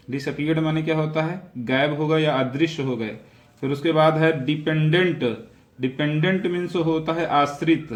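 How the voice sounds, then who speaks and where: A man's voice: on the high side, reverberant. A man teaching a vocabulary lesson, repeating each word and its meaning and explaining how to pronounce it.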